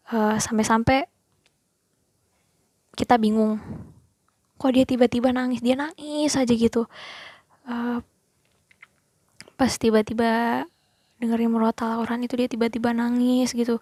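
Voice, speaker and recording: A woman's voice: fairly high pitch, a little mellow, no room sound, clean studio sound. A young woman student telling a personal story in a casual, hesitant way, often speaking to viewers as friends. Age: young adult.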